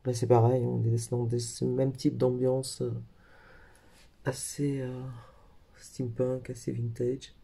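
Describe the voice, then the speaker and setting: A man's voice: medium pitch, monotone, slow, gravelly, warm tone, slightly rough. A man in a casual craft haul video, talking in a hesitant way with lots of fillers and self-corrections. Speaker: craft vlogger.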